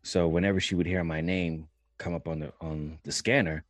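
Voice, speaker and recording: A young man telling a personal story in a casual podcast chat, animated and laughing as he talks. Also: low voice, moderate pace, no room sound, studio quality. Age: young adult. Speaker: podcast co-host.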